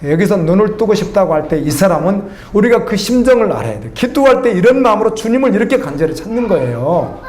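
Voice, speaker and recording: High-voiced preacher in an echoey church. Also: male voice, sing-song, quick pace, few pauses, a little mellow, slight background noise. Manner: conversational preaching, asks the congregation questions. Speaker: pastor. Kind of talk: sermon.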